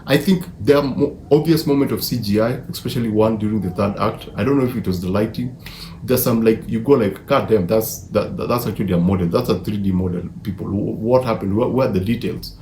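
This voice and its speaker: Brisk and warm, with a lowish pitch, an African man delivers a casual movie review. He sounds enthusiastic and emphatic, doubling back on words mid-sentence, while the echoey room carries faint background noise.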